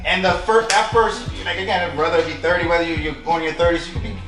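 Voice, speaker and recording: A man's voice: fairly high pitch, quick pace, echoey room, distant mic, music in the background. A man guesting on a podcast, talking bluntly and swearing freely in casual chat. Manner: blunt and profane.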